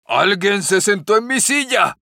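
A man voicing a big father bear with a loud, hoarse voice. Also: high voice, expressive, unhurried, dry recording, clean studio sound, pitched above the performer's own voice, full character voice. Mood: indignant.

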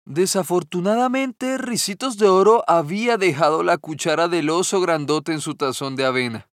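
A man narrating a children's fairy tale in a gentle, measured storytelling manner. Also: high voice, no room sound, clean studio sound.

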